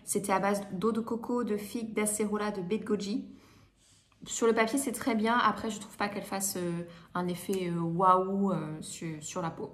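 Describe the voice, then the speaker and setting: A woman's voice: mid-range voice, normal speed, a little hiss or hum. A woman, reviewing her used-up beauty products in a casual vlog, chatty and full of hesitations. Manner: chatty, hesitant with many fillers. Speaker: beauty vlogger.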